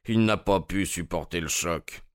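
A man voicing a grieving, restrained middle-aged colonel in an audiobook, speaking low and halting. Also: no room sound, clean studio sound. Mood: subdued.

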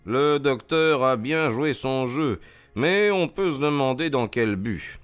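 A man voicing a sharp, decisive male detective in a read-aloud story, speaking in a measured, commanding way over faint music. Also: medium pitch, expressive, clear, resonant tone, voice pushed up. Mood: urgent.

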